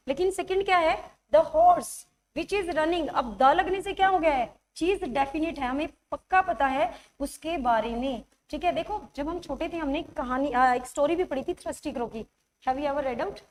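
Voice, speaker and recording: Her throat sore, a woman with a high voice teaches grammar online. She's coaxing and keeps checking in quickly to make sure the class follows, and while writing out examples she slows down to spell them out word by word.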